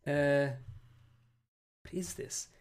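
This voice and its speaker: A man's voice: on the high side, level tone, drawn-out words, clean tone. A man co-hosting a casual podcast chat in an easygoing, agreeable way. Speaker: podcast co-host.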